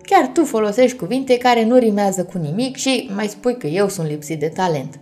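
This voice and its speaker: A woman's voice: medium pitch, lively intonation, warm tone, faint music behind, lightly acted. A woman voicing a clumsy, boastful boy poet who is proud and stubborn, in a storybook reading. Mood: proud, eager. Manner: eager, proud, innocently stubborn.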